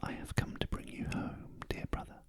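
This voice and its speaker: A British man voicing a tender, eager little girl in a storybook as whispered role-play, soft and breathy. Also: moderate pace, natural voice. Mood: tender glee.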